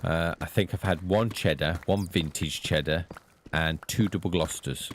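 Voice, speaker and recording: A man casually talking to himself while playing a video game, relaxed and unhurried. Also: low-pitched, a little hiss or hum. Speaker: gameplay video host. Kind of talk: casual gameplay commentary.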